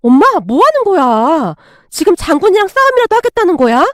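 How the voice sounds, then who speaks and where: A woman's voice: very high-pitched, big pitch swings, brisk, no room sound, clean studio sound. A woman doing an amazed young daughter.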